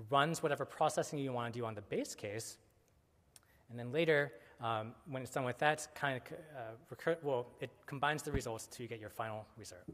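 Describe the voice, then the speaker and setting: Casual man lecturing in a reverberant hall. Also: medium pitch. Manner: casual, many fillers and self-corrections. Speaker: conference speaker. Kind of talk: technical conference talk. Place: conference hall.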